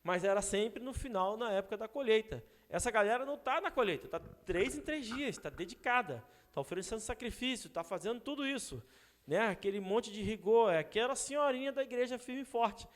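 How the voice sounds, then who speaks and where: A Brazilian man with a Brazilian Portuguese accent, teaching a Bible study in a relaxed, conversational way, often adding "né?" to check that his listeners follow. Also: high-pitched, a little fast, in a large hall. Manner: conversational, frequent rhetorical "né?" asides. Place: church hall.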